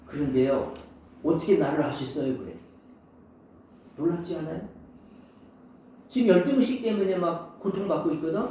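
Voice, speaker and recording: Male pastor, sermon to students, rhetorical and lively, slightly high voice, recorded far off in a very echoey hall. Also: a little hiss or hum. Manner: rhetorical questions, acts out quoted voices. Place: large room at a boarding school. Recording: very echoey room, mic far off.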